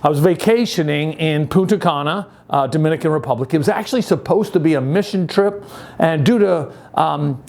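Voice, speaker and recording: Guy in his 60s, upbeat youth pastor type chatting to teens, kinda high voice, repeats himself, stop and start. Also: gravelly, a little mellow. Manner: halting, repeats words and phrases for emphasis. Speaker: youth group leader. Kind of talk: casual motivational talk to youth.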